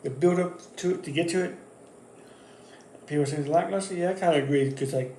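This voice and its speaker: A man's voice: a little high, fairly quick, dark tone, a little hiss or hum. A man hosting his own wrestling channel, giving casual predictions in a loose, rambling way full of fillers and restarts. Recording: echoey room.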